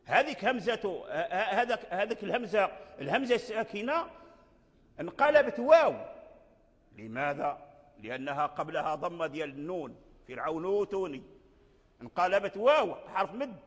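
An older man with a Moroccan accent teaching Quran recitation rules, repeating phrases and chanting verses slowly. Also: high voice, big pitch swings, in a large hall. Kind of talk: recorded religious lesson.

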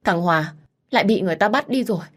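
A woman's voice: lowish voice, moderate pace, a little mellow. Woman as an anxious pleading young woman. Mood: desperate. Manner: pleading and hesitant.

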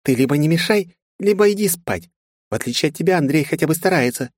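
A man's voice: a little high, animated, fast, dry recording, clean studio sound, voice pushed up. Azril, a stern female mentor, voiced by a man. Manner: stern, instructive.

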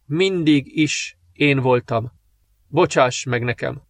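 A man's voice: medium pitch, dry recording, lightly acted. A man voicing an anguished young princess. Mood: broken. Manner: pleading, anguished. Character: desperate young princess in labor.

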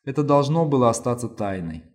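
A frightened young woman in an audiobook, frantic and pleading, her voice pitched up and pressed harder than the reader's own, as a man puts her on. She speaks in a rush of fear, and the voice sits at a middling pitch for a man. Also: lively intonation, brisk, darkish tone, close to an everyday voice. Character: terrified young woman hiding a family secret. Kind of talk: audiobook reading.

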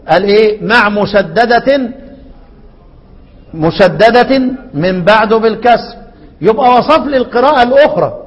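A man with an Egyptian accent teaching a recitation lesson, often asking his students rhetorical questions and repeating key words. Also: high voice. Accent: Egyptian Arabic. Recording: lo-fi recording in a reverberant hall.

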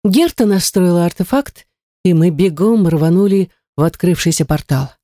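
A woman narrating a first-person fantasy audiobook in a lively, wry manner. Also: on the low side, no room sound, studio quality. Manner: lively wry storytelling with exclamations.

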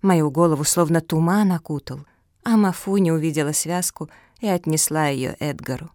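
A woman voicing a kind, calm female elder in an audiobook for children, speaking gently. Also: deep voice, normal speed, dry recording, studio quality, natural voice. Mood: rueful.

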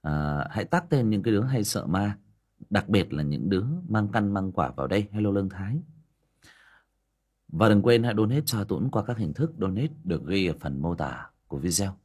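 Husky, low-voiced male storyteller. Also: fairly quick. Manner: expressive, dramatic storytelling. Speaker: audio story narrator, livestream host. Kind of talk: storytelling narration.

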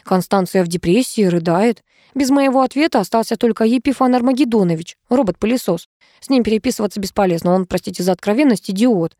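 Female audiobook narrator, wry and even; mellow tone, dry. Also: mid-range voice, quick pace, no room sound. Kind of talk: scripted narration.

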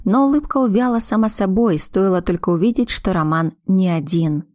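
A woman narrating a novel with an even, storytelling delivery. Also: medium pitch, normal speed, dry recording, studio quality. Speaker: audiobook narrator. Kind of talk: scripted narration.

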